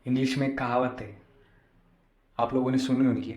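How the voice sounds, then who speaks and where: A man's voice: medium pitch, little pitch movement, moderate pace, a little mellow. A man giving a devotional discourse as a spiritual storyteller, explaining and repeating phrases for emphasis. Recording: echoey room sound.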